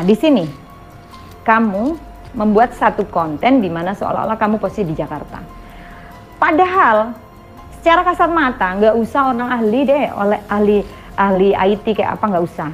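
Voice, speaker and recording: A woman hosting an online commentary, accusing someone and addressing her viewers directly. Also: medium pitch. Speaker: commentary channel host.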